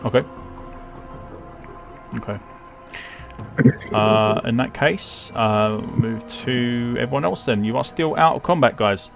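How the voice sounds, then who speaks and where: A man's voice: mid-range voice, slow pace, creaky, long pauses. Man game master narrating over music.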